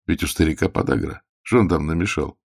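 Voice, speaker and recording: A man's voice: sits low, brisk, creaky, dry recording, clean studio sound. A man voicing a puzzled noble thinking to himself in a storybook reading. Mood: musing.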